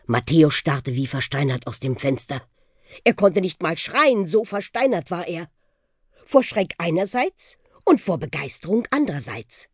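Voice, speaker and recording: A woman narrating a children's audiobook with expressive storytelling. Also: lowish voice, unhurried, slightly rough, no echo, studio quality.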